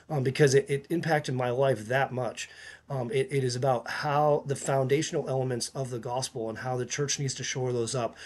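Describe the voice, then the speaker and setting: Halting, earnest man commenting on video. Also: medium pitch. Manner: halting, many fillers and restarts; earnest, recommending. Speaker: YouTube channel host.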